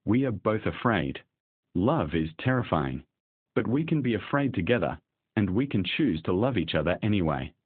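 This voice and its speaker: A determined young wife done playing the perfect, quiet spouse, given by a male narrator without changing his voice. The reading is steady, low and slightly husky, with a lively lilt. The sound is dry and thin, like it came down a phone line. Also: moderate pace. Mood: tender. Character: resolute young wife done being passive.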